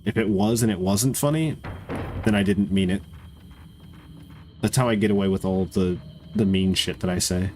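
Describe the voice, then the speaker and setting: A man's voice: low-pitched, normal speed, pauses often, warm tone, a little hiss or hum. A man with a congested nose giving casual, profane, joking commentary while streaming a game.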